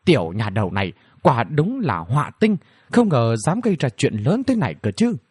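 A bold young male hero, stern and teasing, scolding in a lively, swinging tone, as a man reads him. The voice carries a husky grain. It sits dry and close, like a narrated storybook. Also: mid-range voice, moderate pace, dry recording. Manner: scolding, mocking.

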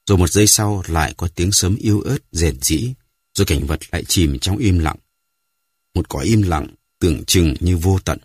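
A man narrating a dramatic story in a measured, dramatic way. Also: low voice, darkish tone, breathy edge, no echo, clean studio sound.

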